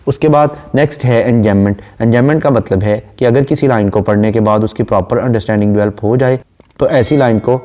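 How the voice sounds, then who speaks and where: A man, lecturing on a poem and explaining it line by line, reading the verse slowly. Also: on the low side, dark tone. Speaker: literature lecturer.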